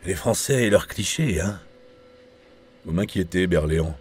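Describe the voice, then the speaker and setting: Deep husky male audiobook narrator. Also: unhurried, a little mellow. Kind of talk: first-person novel narration.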